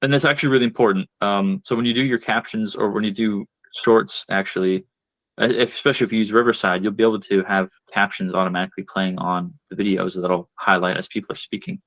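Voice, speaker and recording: Speaking fast in a steady, fairly low and fairly bright voice, a male marketing strategist guesting on a podcast lays out his ideas step by step, with lots of fillers and asides in casual advice-giving talk. The audio is poor but has no echo.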